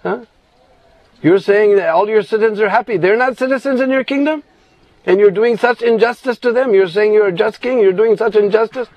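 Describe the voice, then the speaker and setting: A man voicing an old king who lectures his son on injustice in a loud, rising, indignant tone. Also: very high-pitched, no echo, voice pushed up, poor audio.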